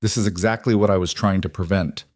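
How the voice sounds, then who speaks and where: A man's voice: low-pitched, fairly even intonation, fast talker, no echo, clean studio sound, lightly acted. A man reading the lines of a young mafia boss husband, tense, clipped and firm. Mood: strained.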